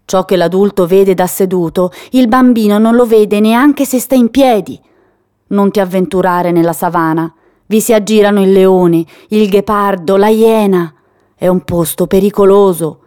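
A woman's voice: medium pitch, normal speed, dark tone, natural voice. A woman voicing a wise, caring mother goat in a storybook reading, earnest and admonishing.

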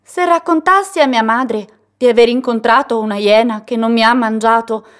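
A woman's voice: normal speed, natural voice. A woman doing a cheeky little goat kid. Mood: pleading. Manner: high, excited and bold. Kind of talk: storybook reading.

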